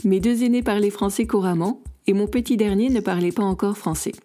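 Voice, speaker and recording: A woman's voice: medium pitch, fairly quick, mellow. Friendly French woman hosting a podcast. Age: adult parent of school-age children. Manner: friendly, informative, with light self-mocking asides. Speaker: podcast host. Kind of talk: scripted podcast narration.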